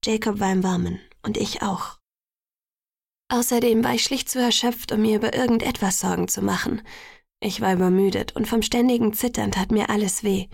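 A woman reads a first-person audiobook with an intimate, husky delivery that slips into whispers. Her voice has a gravelly grain, and the close studio recording is completely dry. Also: medium pitch, fairly even intonation, normal speed, darkish tone, dry recording. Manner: intimate, partly whispered narration. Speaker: audiobook narrator.

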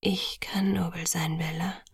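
A woman voicing a gentle, restrained young male vampire in a calm, tender whispered role-play. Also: lowish voice, a little slow, gravelly, slightly rough, no echo, clean studio sound, full character voice.

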